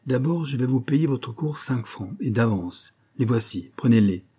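A man's voice: medium pitch, animated, moderate pace, warm tone, husky. A man reading an audiobook, voicing an earnest, anxious young painter giving urgent instructions.

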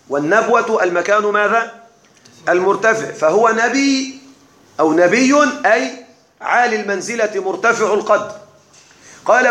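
A man teaching a classical text to a class, slow and deliberate, often checking that his students are following. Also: high-pitched, fairly bright tone. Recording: echoey room.

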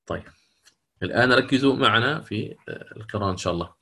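A man teaching the Quran readings, explaining differences between readers with pauses and fillers, and reciting verses slowly in a melodic chant. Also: medium pitch, vocal fry, bright, forceful tone, slightly rough. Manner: careful explanatory, hesitant fillers. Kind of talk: online Quran readings lesson.

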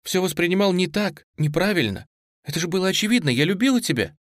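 A man's voice: medium pitch, animated, normal speed, no echo, voice pushed up, natural voice. Storybook young woman, scared and teary, trembling pleas, voice lifted, done by a male reader; dry booth sound. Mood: tearful. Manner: trembling, pleading, tearful. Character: frightened tearful young woman, pleading.

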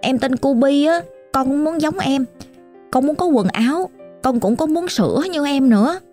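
A woman's voice: high-pitched, lively intonation, normal speed, dark tone, faint music behind, voice pushed up. A woman voicing the ghost of a lonely, hungry little boy in a told ghost story, pleading and whiny, with a Southern Vietnamese accent. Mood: sulky, pleading.

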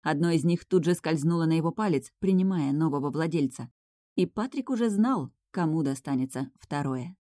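A woman's voice: low-pitched, expressive, normal speed, warm tone, no echo, clean studio sound. A woman reading a fantasy novel aloud as audiobook narrator. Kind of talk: scripted narration.

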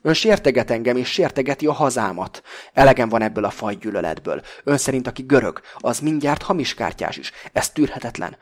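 A man's voice: mid-range voice, expressive, a little mellow. Man voicing a blustering fat Greek gambler. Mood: furious. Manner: pompous, blustering. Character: fat greedy middle-aged Greek man, sly and indignant. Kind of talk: audiobook character voice.

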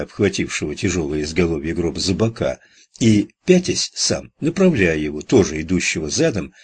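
A man narrating an audiobook in a steady, plain reading. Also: low-pitched, breathy edge. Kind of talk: scripted narration.

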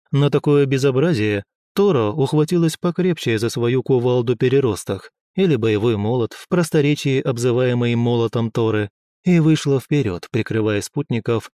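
A man's voice: medium pitch, mellow, no room sound, clean studio sound. A man narrating an audiobook with wry, ironic asides. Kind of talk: scripted narration.

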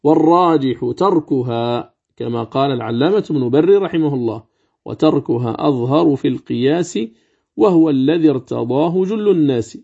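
Husky male teacher, kinda high voice, going over recitation rules step by step. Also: lively intonation, mellow, dull audio. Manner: explains step by step, asks and answers his own questions; demonstrates recitation of words slowly. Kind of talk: religious lesson commentary.

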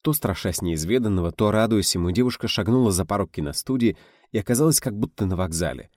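A man reading a novel aloud as an audiobook narrator, telling the story with lively expression. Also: fairly low pitch, fast talker, dry recording, studio quality. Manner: animated storytelling, voicing characters.

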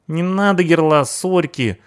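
A man's voice: fairly high pitch, measured pace, clean tone, pitched above the performer's own voice, close to an everyday voice. A man voicing a cheeky young male punk slacker with a slangy, whiny drawl.

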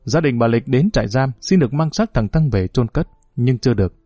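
Mellow male audiobook narrator. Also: medium pitch, no room sound, studio quality. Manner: steady, measured reading. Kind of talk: scripted novel narration.

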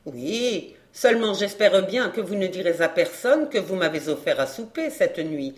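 A woman's voice: on the low side, sing-song, moderate pace. A woman reading an audiobook voices a brash, streetwise female fortune-teller who banters and mocks. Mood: bantering. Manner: bold, bantering, mocking. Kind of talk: audiobook character voice.

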